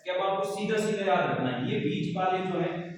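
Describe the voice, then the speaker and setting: A man teaching a Hindi grammar lesson for exams, asking questions and answering them himself, often dropping his pitch at the end of a point. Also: animated, normal speed. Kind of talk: exam-prep lesson. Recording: very echoey room with long reverb, voice far from the mic.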